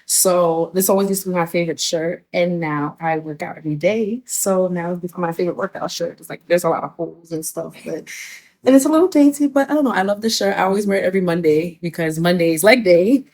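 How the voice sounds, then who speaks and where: A woman's voice: lowish voice, fast talker, a little mellow. Young woman, casual chatty. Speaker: interviewee. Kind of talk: street interview.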